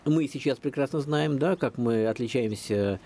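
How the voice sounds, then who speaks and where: A man's voice: mid-range voice, moderate pace, slight background noise. A man speaking as a local historian guest on a radio interview, explaining at length in a chatty, discursive way. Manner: chatty, discursive, lively storytelling.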